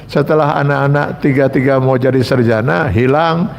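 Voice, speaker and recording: A man's voice: medium pitch, normal speed, creaky, a little hiss or hum. A man, an Islamic cleric giving a religious lecture and telling personal stories earnestly, speaking straight to his audience. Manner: earnest storytelling that addresses the audience directly.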